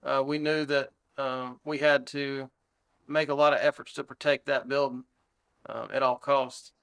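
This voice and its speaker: A man's voice: medium pitch, little pitch movement, measured pace, vocal fry, a bit bright, clean tone. An American man, a fire battalion chief, recounting an incident in a plain-spoken, conversational interview style. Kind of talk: interview recollection.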